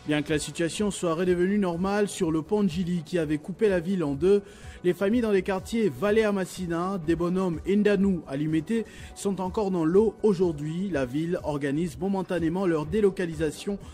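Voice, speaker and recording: A male news anchor with a Congolese French accent, reading the lunchtime news in a measured, formal way. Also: high-pitched, warm tone, soft background music. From Democratic Republic of the Congo.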